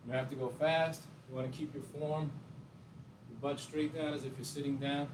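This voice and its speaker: A male fitness instructor leads a short home workout, casually and encouragingly explaining each exercise as he performs it. His voice is fairly high with a level tone at normal speed, and the distant mic gives a roomy sound with clear background noise.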